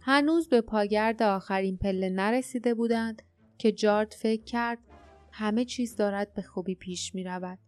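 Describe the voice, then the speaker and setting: A woman narrating an audiobook in a steady, measured reading voice. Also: mid-range voice, faint music behind.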